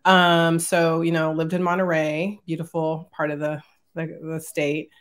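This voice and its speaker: A middle-aged woman, an executive, telling childhood stories as an interview guest over a video call, animated and laughing often. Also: low-pitched, measured pace. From born in Germany, raised in Northern California. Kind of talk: casual storytelling.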